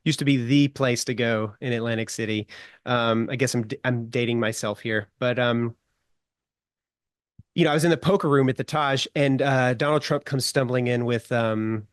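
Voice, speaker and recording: A middle-aged man spins a casual anecdote as a podcast guest, animated and quick to chuckle, with plenty of fillers. His pitch sits in the middle range. The sound is dry and close to the mic. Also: clean tone, no room sound. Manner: animated storyteller, chuckles often, many fillers. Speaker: guest writer.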